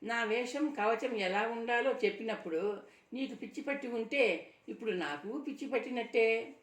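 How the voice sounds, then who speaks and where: A woman voicing a bold, steady young woman in disguise, speaking calmly and firmly in an audiobook. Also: a little high, moderate pace, close to an everyday voice. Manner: calm, firm, insistent. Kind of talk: audiobook dialogue reading. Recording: roomy sound from a distant mic.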